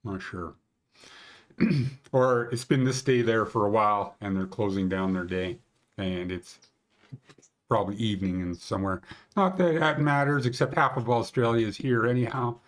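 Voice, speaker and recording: A man's voice: fairly low pitch, moderate pace. Fifty-something guy rambling through his morning show, joking around between thoughts. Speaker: host of a national park conditions show. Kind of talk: casual morning vlog chat.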